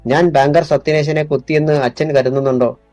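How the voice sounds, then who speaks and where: A man's voice: a little high, steady tone, normal speed, a little mellow, dry recording, faint music behind, natural voice. A man voicing an anxious young man, grieving, asking hesitant and pleading questions.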